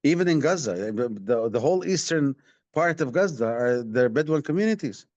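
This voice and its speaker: On a video call, this West Bank activist and community rights director fields audience questions live, his Arabic-accented speech halting and full of repeated words. His mid-range, darkish voice is animated, and the recording is dry, with the dull, lo-fi quality of an online stream.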